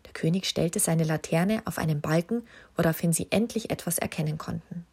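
A woman narrating a children's story, calm and expressive in her reading. Her voice is low for a woman, with a husky, breathy edge. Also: brisk.

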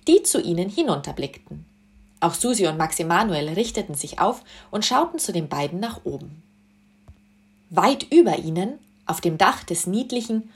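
A woman narrating a children's audiobook in a clear, expressive storytelling manner. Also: mid-range voice.

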